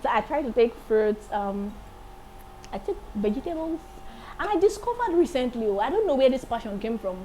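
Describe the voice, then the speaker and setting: Bubbly guest in her thirties: woman, slightly high, very animated pitch, faint hiss in the background. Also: normal speed, poor audio. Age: 30s. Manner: lively, laughs often, enthusiastic. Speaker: interview guest, singer and accountant. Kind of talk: casual interview chat.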